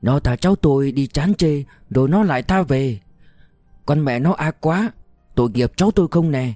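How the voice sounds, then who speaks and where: A man's voice: a little high, animated, moderate pace, warm tone, no echo, faint music behind, lightly acted. A man voicing a talkative older rural aunt who chatters and scolds. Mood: fretful scolding.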